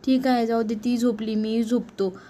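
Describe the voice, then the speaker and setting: A woman's voice: a little high, level tone, moderate pace, mellow, close to an everyday voice. A woman voicing an anxious young husband who keeps worrying aloud and nagging with the same question. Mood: fretful. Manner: worried, nagging, talking to himself.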